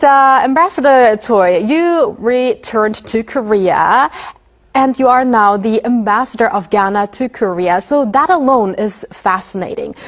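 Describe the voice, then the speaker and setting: A woman television interviewer reading a scripted introduction and asking questions in a polished, measured broadcast manner. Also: medium pitch.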